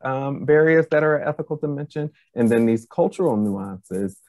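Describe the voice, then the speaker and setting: A man moderating a panel discussion on a video call, speaking in a measured, thoughtful way and slowing down to stress his points. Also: medium pitch, animated, darkish tone, dry recording. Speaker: panel moderator and ethics faculty. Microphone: laptop webcam on video call.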